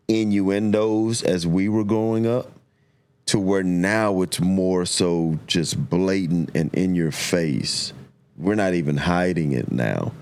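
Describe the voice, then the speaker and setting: A middle-aged man talking reflectively and conversationally about life, giving advice in a deliberate, emphatic way with repeated phrases for weight. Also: deep voice. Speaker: talk show speaker giving relationship advice.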